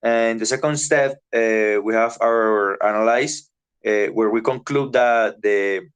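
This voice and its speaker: A young man presents his part of a class project in a smooth, clear voice that sits a little low. He stumbles often, repeating words and stopping to think as he reads through his points. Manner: halting, many repeated words and pauses. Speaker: student presenter.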